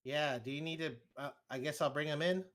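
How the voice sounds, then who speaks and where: A man's voice: fairly high pitch, steady tone, brisk, a bit bright. A man co-hosting a casual film podcast, joking around and laughing easily. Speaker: podcast co-host. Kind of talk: casual chat.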